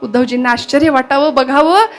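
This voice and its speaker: A woman's voice: sits high, a little fast, faint music behind. A woman with a Marathi accent performing a devotional kirtan, telling the story expressively and breaking into chant and song.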